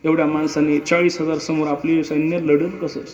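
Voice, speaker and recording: A man's voice: fairly high pitch, little pitch movement, fairly quick, a little mellow, faint music behind. A man telling a dramatic historical story emphatically, with repeated lines and rhetorical questions. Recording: echoey, muffled hall recording.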